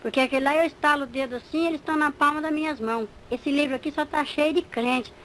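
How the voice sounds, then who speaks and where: A woman's voice: high-pitched, fast talker, a bit bright, slight background noise, poor audio. A woman playing a gloating male devil who is the boss of demons, mocking and taunting as she tells her story.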